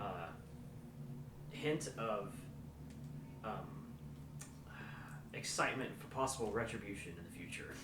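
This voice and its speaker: A man playing a tabletop game, speaking in a hesitant, wry way. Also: lowish voice. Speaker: player. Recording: distant mic, echoey room, noise.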